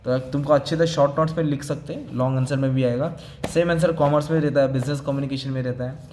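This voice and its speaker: A man with an Indian accent teaching an exam-prep lecture, explaining slowly and rephrasing with everyday examples, mixing Hindi with English terms. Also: medium pitch, fairly even intonation, background noise.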